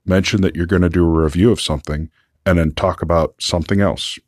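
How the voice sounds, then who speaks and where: Man with a very deep voice, dry close recording, friendly listener message. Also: fairly even intonation, fast talker, no room sound. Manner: friendly, appreciative.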